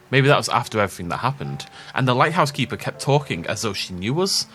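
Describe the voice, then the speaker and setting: Sniffling from a cold and nursing an itchy throat, a man with a lowish voice chats casually as he plays a game. He's a let's play commentator, animated and rambling in his gameplay talk.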